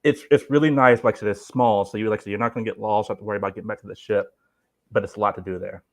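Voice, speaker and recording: A man's voice: on the low side, steady tone, racing. A man talking casually as a travel guest, explaining his tips in an informal way. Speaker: guest, solo cruise traveler. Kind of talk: casual chat.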